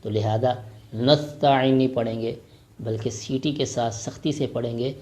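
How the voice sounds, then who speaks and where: A man teaching a Quran recitation lesson, explaining rules and spelling out each syllable slowly before reciting the verse drawn out. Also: mid-range voice, fairly even intonation, mellow.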